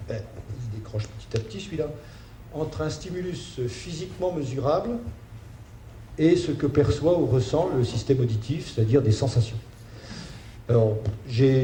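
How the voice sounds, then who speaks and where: A man lectures in a halting, stop-and-start way, full of fillers and restarts. His voice is mellow and dark. The sound carries the roomy echo of a lecture hall, with a faint murmur of ambience underneath. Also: medium pitch, a little hiss or hum. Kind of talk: hesitant spoken lecture.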